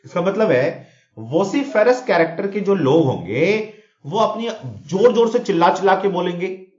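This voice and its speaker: An exam coaching teacher with a high, expressive, darkish voice works through vocabulary at a moderate pace, mixing Hindi and English. He uses mnemonics, repeats words and checks in with frequent "theek hai na?" The sound is dull and lo-fi, with room echo.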